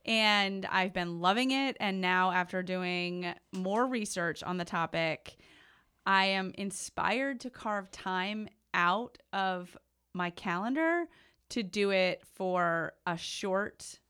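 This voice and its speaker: A woman hosts a relaxed podcast conversation, sounding eager as she explains. She fills her talk with "like" and "um", at a medium pitch. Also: slow, clean tone. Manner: eager, explains with many "like" fillers. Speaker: podcast host. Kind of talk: casual chat.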